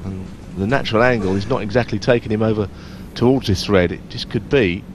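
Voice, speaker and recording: A man giving hushed live snooker commentary in measured, analytical asides between shots. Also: fairly low pitch. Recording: noisy arena with audience behind. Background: audience and hall noise.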